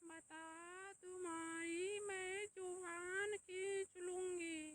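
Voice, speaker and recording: Comic cartoon: a nagging old mother-in-law, wailing and shrill, very slow, voiced by a woman. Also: flat delivery, heavily acted. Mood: scolding. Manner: scolding, shrill.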